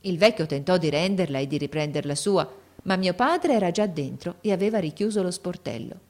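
A woman reading a classic novel aloud as audiobook narration, gently and in measured phrases. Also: on the low side, expressive.

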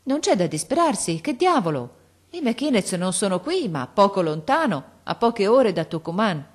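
A woman voicing a kindly Italian shopkeeper who reassures a boy briskly. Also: mid-range voice, sing-song, pitched above the performer's own voice. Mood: reassuring. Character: kindly Italian shopkeeper, middle-aged man.

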